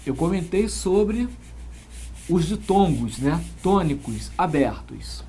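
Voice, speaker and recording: A man's voice: fairly high pitch, big pitch swings, takes it slowly, warm tone, a little hiss or hum. A man with a Brazilian Portuguese accent teaching grammar in an exam-prep lecture, explaining step by step and often checking in with short tag questions.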